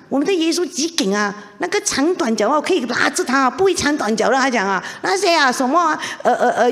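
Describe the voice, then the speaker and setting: A middle-aged woman gives her personal testimony from the front of a church, her voice sitting fairly high. She tells the story in an animated way and acts out what others said to her. A long reverb from the hall hangs on every word. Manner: animated storytelling with laughs and acted-out quotes.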